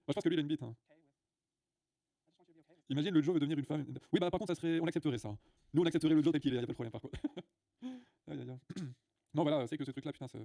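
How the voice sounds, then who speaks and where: A man's voice: fairly high pitch, creaky, warm tone, no echo, clean studio sound. A man hosting a livestream, ranting bluntly to his viewers with many filler sounds and restarts. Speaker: livestream host. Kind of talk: casual livestream rant.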